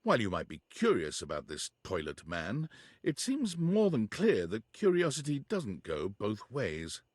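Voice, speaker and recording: A man's voice: on the low side, wildly swooping pitch, normal speed, no room sound. A man reading scripted narration for a video game in a dry, wry tone. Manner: dry, wry storybook descriptions.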